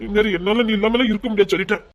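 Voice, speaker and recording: Someone playing a fast-talking coaxing village lover. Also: medium pitch, steady tone, close to an everyday voice. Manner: coaxing and reassuring. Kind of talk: amateur village drama.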